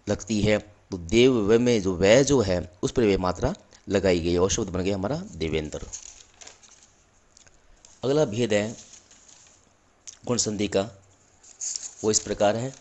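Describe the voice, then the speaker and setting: A male teacher giving a slow, patient classroom grammar lesson, repeating and spelling out each example. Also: fairly low pitch, darkish tone. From India. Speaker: school teacher.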